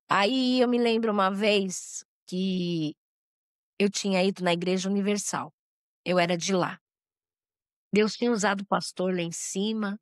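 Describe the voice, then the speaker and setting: A woman giving an emotional personal testimony as an interview guest, halting and tearful, with restarts and quoted voices. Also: medium pitch, no room sound, clean studio sound. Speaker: interview guest telling her life story.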